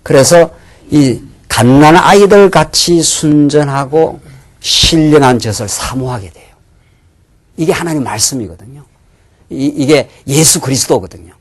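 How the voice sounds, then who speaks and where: A man preaching a sermon in a church, asking his listeners questions and answering them himself, sometimes dropping to a hushed near-whisper. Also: a little high, unhurried. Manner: drops to a hushed near-whisper for inner thoughts. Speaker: pastor.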